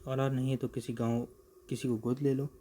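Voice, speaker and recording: A man voicing a greedy young con man in an animated comic, who wails and pleads when things go wrong. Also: medium pitch, brisk, slight background noise, natural voice. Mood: ingratiating. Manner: wailing and pleading.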